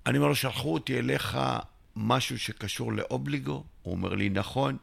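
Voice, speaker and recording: In an interview, a middle-aged Israeli entrepreneur with a mid-range, slightly rough voice and vocal fry tells his business story with energy. He plays out both sides of the conversations and occasionally shouts.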